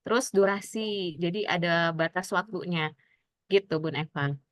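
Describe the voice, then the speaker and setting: A woman's voice: fairly low pitch, a little slow, no echo. A woman trainee reporting on a video call in a chatty, informal way, often repeating herself. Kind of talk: group discussion report. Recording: dull dry video-call audio.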